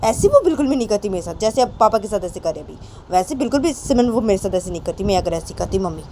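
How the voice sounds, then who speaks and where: A woman's voice: mid-range voice, animated, fast talker, warm tone, a little hiss or hum, lightly acted. A woman voicing a young woman who insistently defends her partner to her mother. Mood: protesting. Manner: insistent, protesting.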